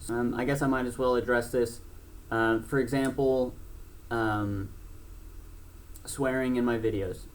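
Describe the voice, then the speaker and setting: A blunt young man in his twenties talks straight to camera as a gaming channel host. His delivery rambles, full of fillers and restarts, and he swears freely. His voice sits at an ordinary middle pitch for a man. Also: fairly even intonation, measured pace, long pauses. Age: 20s. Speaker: gaming YouTuber. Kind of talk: casual talk to camera.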